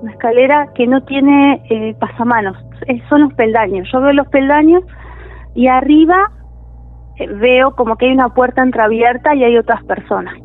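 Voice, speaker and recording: A woman with a Rioplatense Spanish accent telling a personal story as a caller, halting and restarting, her voice wavering with emotion. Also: sits high, faint music behind. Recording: phone line.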